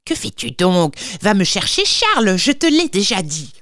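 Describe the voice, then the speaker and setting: A woman's voice: mid-range voice, very animated, moderate pace, fairly bright tone, no room sound, studio quality. A woman reading aloud and voicing a stingy, suspicious, ill-tempered old woman in a storybook, harsh and scolding. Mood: impatient.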